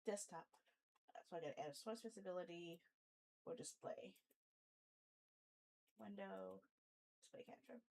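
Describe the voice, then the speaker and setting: A woman livestream host chats casually and playfully, talking to herself while troubleshooting her setup for a game. Her medium-pitched voice is gravelly, a bit slow and darkish, with frequent pauses. The audio is poor, with slight background noise.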